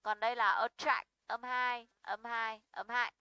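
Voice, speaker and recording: A young woman teaches English stress rules, her voice bright and crisp. She is patient and keeps checking that her students follow. The sound is dry and close, with no room echo. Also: fairly high pitch, fairly even intonation, measured pace. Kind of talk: online English pronunciation lesson.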